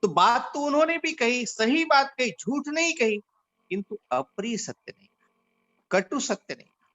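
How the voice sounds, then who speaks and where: A man's voice: very animated, a bit bright. A man from India giving an instructive talk to volunteers and telling short parables as he teaches. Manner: storytelling, varies pitch widely, slow deliberate delivery. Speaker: organisation leader giving guidance to volunteers.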